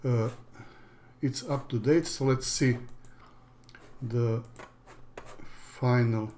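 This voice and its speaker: Teaching an online course via screen share, a Croatian man, a native speaker with a Croatian accent, talks in a plain, halting manner and often restarts. His medium-pitched voice holds a steady, darkish tone. A little background noise comes through.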